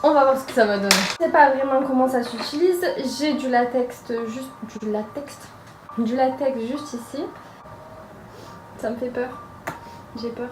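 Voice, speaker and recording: A young woman chats her way through a makeup tutorial at home, hesitant and full of little fillers. Her voice sits a touch high and rings around an echoey room, with music playing clearly behind her. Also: normal speed. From France. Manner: chatty, hesitant, with frequent fillers. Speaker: makeup vlogger. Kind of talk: casual makeup tutorial narration. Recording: roomy echo with music behind.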